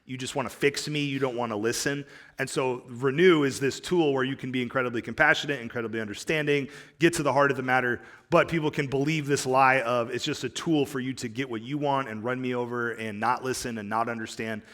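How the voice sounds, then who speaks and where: A man's voice: medium pitch, fairly even intonation, a little fast, fairly bright tone. A man on a church marriage panel, speaking candidly and reflectively about his own marriage. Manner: reflective, with fillers and restarts. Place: church conference stage.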